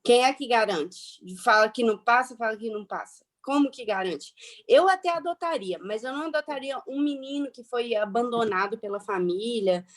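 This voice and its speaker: A woman performs a self-righteous, prejudiced matron with a high voice in a satirical dramatic reading. She is hammy and indignant, rambling and repeating phrases with theatrical emphasis. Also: normal speed, lightly acted. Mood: defensive.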